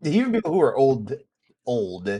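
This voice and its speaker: A man in his forties hosting a casual podcast chat, animated and often restarting his sentences. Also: mid-range voice, moderate pace, slightly rough. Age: 40s. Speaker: podcast host.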